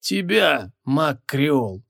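A man voicing a male scorpion-man demon in an audiobook, with a hoarse, wheezy voice and curt replies. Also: fairly high pitch, very animated, very slow, a bit bright, dry recording, clean studio sound, voice pushed up, heavily acted. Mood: curt, flat. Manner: terse one-word answers.

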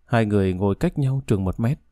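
A man narrating a story audiobook in a steady, measured way. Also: fairly low pitch, no echo, studio quality.

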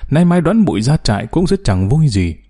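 Mellow man narrating a story. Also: medium pitch, a little fast, husky. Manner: expressive storytelling. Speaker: audiobook narrator.

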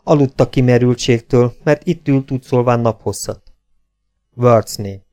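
Mellow-voiced man reading a story. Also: mid-range voice. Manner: measured, dramatic reading. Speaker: audiobook narrator. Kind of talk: scripted narration.

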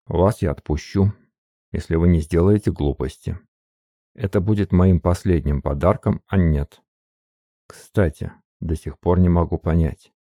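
A man voicing a suave, weary older privy councillor in an audiobook, slow, measured and courteous. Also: low-pitched, mellow, no room sound, studio quality. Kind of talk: audiobook character reading.

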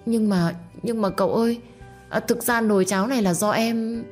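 A woman's voice: on the high side, normal speed, faint music behind, pitched above the performer's own voice, close to an everyday voice. A woman voicing a sly young servant girl who talks eagerly and fawns over her masters. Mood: fawning.

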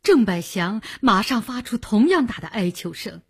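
A woman narrating a novel in a slow, dramatic storytelling manner. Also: medium pitch, very animated, husky. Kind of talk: audiobook narration.

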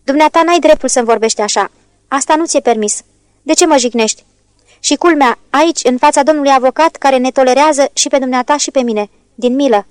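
A cringing middle-aged merchant in a storybook, pleading and defensive, as a woman reader puts him on. The voice sits high and is recorded close and dry. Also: dry recording, close to an everyday voice. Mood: indignant.

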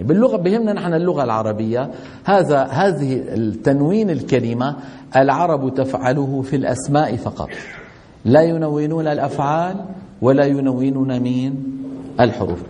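A man's voice: medium pitch, lively intonation, brisk, mellow. A middle-aged man teaching a tajweed lesson, often putting questions to his students and answering them himself. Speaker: Quran recitation teacher.

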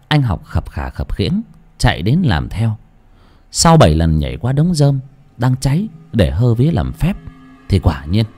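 Dark-voiced male storyteller, expressive. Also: mid-range voice, breathy edge. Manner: expressive, dramatic reading. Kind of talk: scripted audiobook narration of a ghost story.

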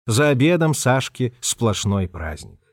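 Man, storybook narrator, very lively pitch, dry close sound. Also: a little slow, no echo. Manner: expressive, dramatic reading.

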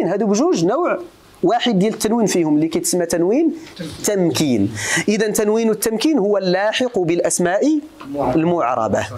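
A man's voice: high voice, a little mellow. A Moroccan man teaching a grammar lesson to students. He keeps quizzing them and mixes formal explanation with colloquial asides. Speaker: religious teacher.

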